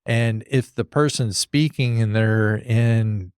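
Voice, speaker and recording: A man's voice: medium pitch, slow pace, a little mellow, clear, resonant tone, dry recording, studio quality. A man hosting a podcast, explaining things in a casual, conversational way. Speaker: podcast host, landscape architect.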